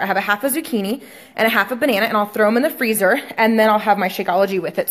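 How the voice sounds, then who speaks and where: Holding her phone at arm's length in a home kitchen, a young woman who coaches fitness gives a casual vlog tutorial. Her medium-pitched voice is chatty and full of fillers, and she keeps calling the viewers "guys."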